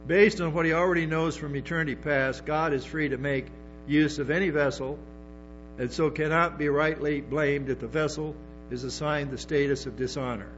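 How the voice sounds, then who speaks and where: A slightly high, somewhat bright male voice holds a steady tone at normal speed as a pastor addresses his congregation. He trips into restarts and tosses in emphatic asides; music and hum sit under the dull lo-fi recording.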